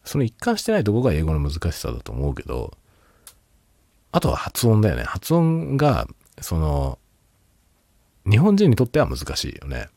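A man's voice: on the low side, huge pitch swings, normal speed, creaky, long pauses, mellow, no room sound, clean studio sound. A man hosting a casual solo talk show, rambling and laughing a lot while tipsy. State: drunk. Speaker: podcast host.

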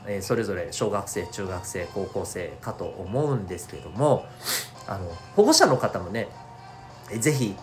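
A man talks as the host of a solo podcast, courteous and chatty. His voice is stuffy and nasal, as with a blocked nose. The intonation rises and falls in an animated way, with faint music behind him. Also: medium pitch. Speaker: host of an audio show for schoolchildren and parents.

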